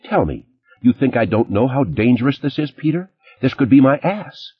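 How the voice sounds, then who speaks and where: A man reading an audiobook, voicing a sharp, image-conscious ex-wife who scolds in a clipped, indignant way. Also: low voice, sing-song, normal speed, husky, lo-fi sound, exaggerated voice. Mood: furious.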